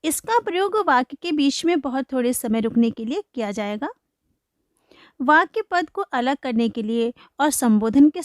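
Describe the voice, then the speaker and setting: A woman teaching a grammar lesson for children, slowly explaining and reading example sentences aloud. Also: a little high, no echo, clean studio sound. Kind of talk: classroom-style lesson for children.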